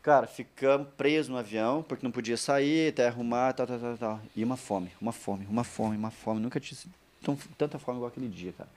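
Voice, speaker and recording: A Brazilian man rattles off a personal story at a brisk clip, his voice sitting at an ordinary middle pitch. He talks in a loose, chatty way, repeating words for emphasis and acting out quoted lines. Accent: Brazilian Portuguese. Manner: animated anecdote with repeated phrases and quoted asides. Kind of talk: casual storytelling.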